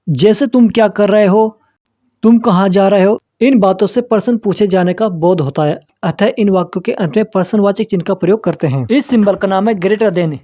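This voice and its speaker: A man narrating a scripted tutorial in a steady, methodical way, explaining each point with worked examples. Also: sits high, muffled recording.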